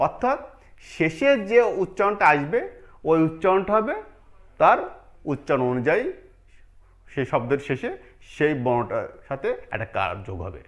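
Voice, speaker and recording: A man's voice: a little high, expressive, normal speed, long pauses. A man teaching an online pronunciation lesson, explaining step by step, repeating key points and putting questions to his students.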